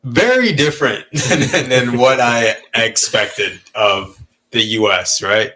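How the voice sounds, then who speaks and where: Candid bright-voiced man from Malaysia. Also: medium pitch, lively intonation, slow. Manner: candid, rambling storytelling with frequent swearing and laughs. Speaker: podcast co-host. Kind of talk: casual chat.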